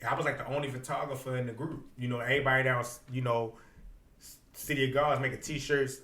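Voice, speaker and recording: A man with a Baltimore accent telling stories casually as an interview guest, in slangy, unfiltered, animated speech. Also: medium pitch, fairly quick. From Baltimore, United States. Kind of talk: casual conversational storytelling.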